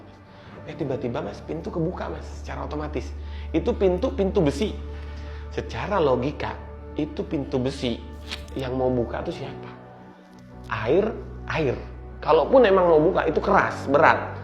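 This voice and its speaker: A man telling an interviewer about surviving a disaster. He speaks earnestly and haltingly, repeats words, and sinks to hushed, murmured prayers at tense moments. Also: a little high, lively intonation, echoey room, highs cut off, music in the background. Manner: earnest, halting, often repeats words and addresses the listener as "Mas". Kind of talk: emotional first-person storytelling. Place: indoor room.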